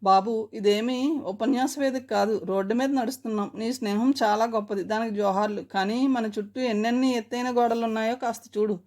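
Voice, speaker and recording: A woman's voice: a little high, fairly even intonation, a little fast, few pauses, a little mellow, close to an everyday voice. A woman voicing a wry young man who cautions his friend in a read-aloud story.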